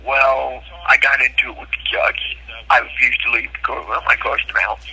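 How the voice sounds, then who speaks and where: A man calling over a prison phone line, recounting his court troubles earnestly and haltingly, with frequent ums and restarts. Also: mid-range voice, level tone, gravelly, bright, forceful tone. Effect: heard over a prison phone line.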